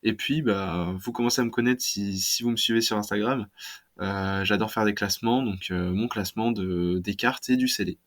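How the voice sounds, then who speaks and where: A man's voice: on the low side, moderate pace. A man talking casually about trading cards for his channel, hesitant and full of fillers. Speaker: card collecting YouTuber. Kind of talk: casual video talk.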